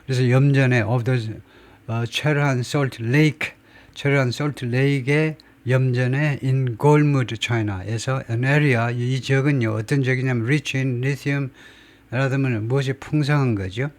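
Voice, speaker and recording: A middle-aged man teaching advanced English, reading a newspaper headline slowly in English and explaining it phrase by phrase in Korean with many fillers. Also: mid-range voice, fairly even intonation. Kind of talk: line-by-line news article lesson.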